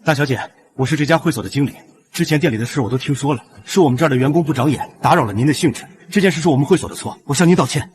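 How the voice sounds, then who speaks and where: An actor playing a club manager who apologizes deferentially to an important guest. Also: male voice, medium pitch, rapid-fire, a crowd in the background, lightly acted. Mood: fawning. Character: fawning male club manager. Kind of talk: short drama acting.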